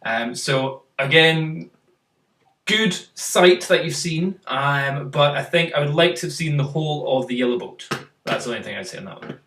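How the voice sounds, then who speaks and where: A man's voice: fairly high pitch, normal speed, sharp tone, slight background noise. A man hosting a casual photo critique, talking through pictures and quizzing his co-host. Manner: chatty, uses fillers, quizzes co-host. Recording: roomy, mic at a distance.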